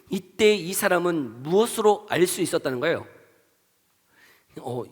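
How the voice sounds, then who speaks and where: High-voiced pastor preaching in a reverberant church hall. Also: male voice. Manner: acts out voices of people in the story; asks the congregation many questions. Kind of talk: sermon. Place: church sanctuary.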